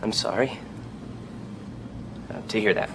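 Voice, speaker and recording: An awkward man on a first date who stalls and contradicts himself. His voice sits a little low, with background noise clearly present. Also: measured pace. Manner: hesitant, fumbling. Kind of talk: film acting.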